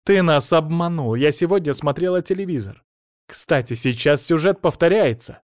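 Man putting on a shrill older mother-in-law, high loud voice, accusing, screeching, audiobook, dry close recording. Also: moderate pace, dry recording, lightly acted. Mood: furious.

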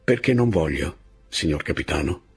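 A man's voice: very deep voice, expressive, normal speed, vocal fry, slightly rough, soft background music, full character voice. A man voicing a frightened, dignified soldier. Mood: quiet, reluctant. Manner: quiet, terse.

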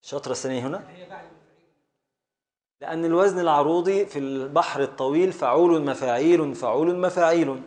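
A man's voice: on the high side, fairly quick, a little mellow. A man with an Egyptian accent teaching a classroom lesson, patiently drilling students by repeating and counting along. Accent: Egyptian Arabic. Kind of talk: classroom lesson on Arabic prosody.

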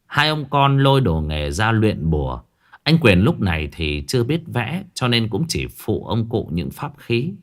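A man, narrating a ghost story in a dramatic, expressive manner. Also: on the low side, a little slow.

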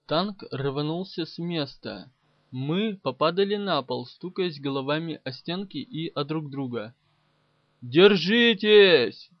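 A man narrating a first-person war novel as an audiobook in brisk, even storytelling. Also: a little high, no echo, highs cut off.

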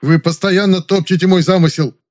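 A man's voice: high-pitched, steady tone, a little fast, pitched above the performer's own voice, natural voice. A man reading aloud, voicing an indignant, pompous theatre director who raises his voice in outrage. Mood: outraged. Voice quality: loud, huffy. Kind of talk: audiobook character voice.

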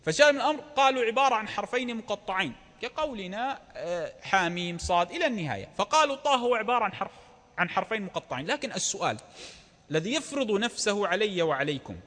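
A man with a high voice lectures on the Quran in a large hall whose long reverb trails after each phrase. He teaches by quizzing his audience, throwing out short questions and answering them himself. He pushes his key words up with emphasis. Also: animated, quick pace, a bit bright. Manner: quizzes listeners with repeated rhetorical questions. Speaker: Islamic preacher.

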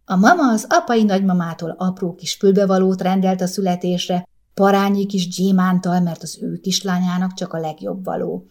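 A woman narrating a short story as an audiobook, in a calm, measured, gentle way. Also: on the low side.

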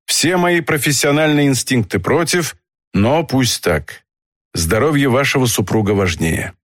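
A man reading an audiobook, voicing a stern, measured police inspector. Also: medium pitch, expressive, no room sound, clean studio sound. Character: middle-aged male police inspector, stern.

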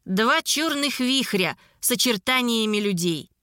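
A woman narrating a fantasy audiobook in a brisk, expressive reading. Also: on the high side, no room sound, clean studio sound.

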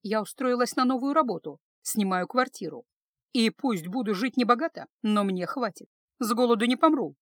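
A woman's voice: on the high side, lively intonation, normal speed, fairly bright tone, dry recording, clean studio sound. A woman reading the part of a weary, defiant young woman who answers bluntly and sarcastically.

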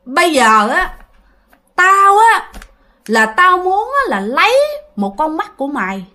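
A menacing male spirit possessing a young man, put on by a woman telling a ghost story. He speaks in slow, drawn-out, gloating demands, pitched high with a bright, forceful edge. The delivery lingers over each threat. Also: sing-song, heavily acted.

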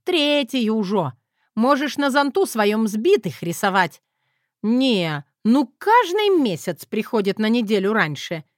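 A woman voicing a brash, rough, bossy woman who talks loud and blunt in an audiobook. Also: a little high, very animated, measured pace, no echo, clean studio sound, voice pushed up. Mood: gleeful.

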